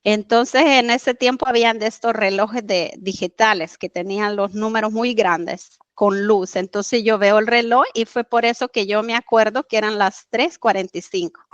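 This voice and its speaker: Woman, mid-pitch, earnest storyteller with halting pauses and fillers; dry, dull lo-fi capture. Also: fairly even intonation, no echo. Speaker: interview guest. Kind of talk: personal storytelling in conversation.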